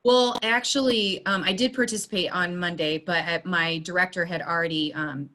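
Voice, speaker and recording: On a video call, a woman who works as a school social worker talks casually and loosely, often starting her sentences over. Her lowish voice is sharp in tone, steady, and moderately paced.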